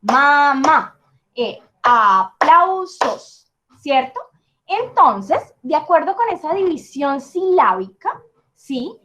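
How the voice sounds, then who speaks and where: A woman's voice: sits high, big pitch swings, slow, a bit bright. A woman teaching a class, explaining patiently and checking in often with her students.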